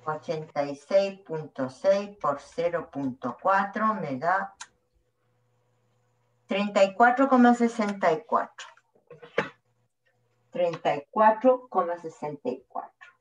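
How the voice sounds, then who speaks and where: A woman with a Chilean accent teaches physics to a class at the board, explaining each step patiently. Her mid-range voice moves slowly, with long pauses and slight background noise. The mic sits at a distance in an echoey room, so the sound comes across dull.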